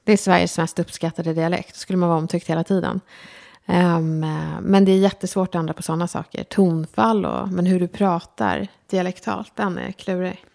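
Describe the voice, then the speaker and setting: Her voice sits on the low side, steady and darkish with vocal fry: a Swedish designer and lecturer appearing as a guest in a casual chat. With a slight lisp, speech placed far forward in the mouth, and a hint of upper-class Stockholm in her accent, she comes across as direct, frank, and self-deprecating.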